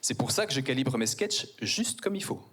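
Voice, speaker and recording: A man's voice: mid-range voice, sing-song, normal speed, fairly bright tone, slightly rough. A man in his forties with a Belgian French accent, performing a stand-up comedy set on stage, ironic and mock-posh. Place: theater stage before a live audience.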